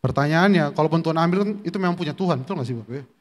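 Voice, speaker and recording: A man preaching a sermon in a church, with a fairly high voice. His delivery is chatty and informal, and he keeps putting questions to the congregation. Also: racing. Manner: conversational, often asks the congregation questions. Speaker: pastor.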